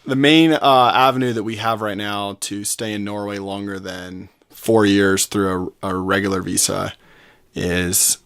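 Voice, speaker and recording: A young American man talks to the camera for his vlog in a relaxed, conversational way. His voice is lowish and his pace measured.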